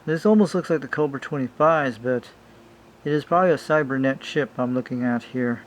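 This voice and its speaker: In a noisy homemade video, a brisk man with a medium-pitched voice shows off a vintage CB radio. His hobbyist show-and-tell is loose and rambling, and he keeps talking to his viewers as "you guys."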